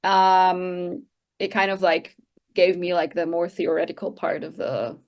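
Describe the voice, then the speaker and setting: A woman in her thirties from Costa Rica, a guest researcher who answers thoughtfully and pauses often to find her words. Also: fairly low pitch, steady tone, a little mellow. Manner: thoughtful, explaining with frequent hesitations and "like". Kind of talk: conversational interview answers.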